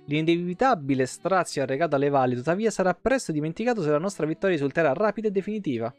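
Very fast and animated, a slightly high-voiced streamer in his thirties reads game lore on his livestream and tosses in casual remarks. His voice sounds worn out and giving way, over soft plucked guitar music.

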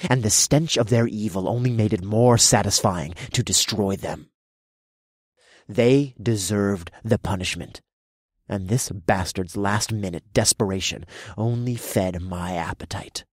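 A man narrating an audiobook in the first person, with a dark, gloating storytelling manner. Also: on the low side, slightly rough, no room sound, studio quality.

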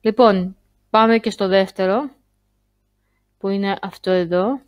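A woman talking casually to her viewers in a vlog, chatty and halting, full of fillers and restarts. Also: medium pitch, steady tone, no room sound. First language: Greek. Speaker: YouTuber. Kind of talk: casual screen-share vlog.

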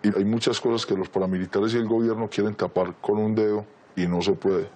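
An anonymous man with a Colombian accent answers interview questions bluntly and insistently, his voice electronically disguised to sound deep. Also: little pitch movement, quick pace, mellow. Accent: Colombian Spanish. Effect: voice electronically disguised, pitched deep.

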